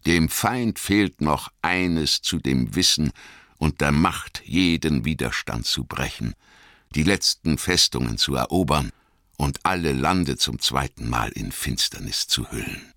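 A man voicing an ancient male wizard, grave and wise, speaking slowly and solemnly in an audiobook reading. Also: a bass voice, lively intonation, gravelly, a bit bright, dry recording, clean studio sound, full character voice. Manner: slow, solemn storytelling.

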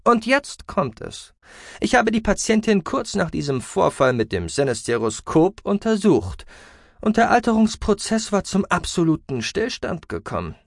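A man voicing a boastful alien male doctor with a creaky voice, lecturing in an audiobook. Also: sits high, big pitch swings, normal speed, dry recording, studio quality, pitched above the performer's own voice, heavily acted.

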